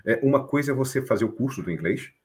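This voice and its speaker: A man's voice: mid-range voice, animated, fast talker, slight background noise. Man as a chatty live-stream guest; easygoing, explains at length, mid-range voice. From Brazil. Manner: explanatory, chatty, laughs often. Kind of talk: casual live-stream chat.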